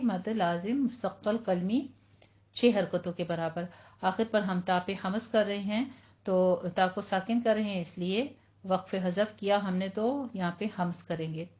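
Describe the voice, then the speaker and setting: A woman teaching a Quran recitation lesson. She patiently explains each pronunciation rule and then slowly recites the Arabic words herself. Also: mid-range voice, darkish tone, highs cut off. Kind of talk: online tajweed lesson.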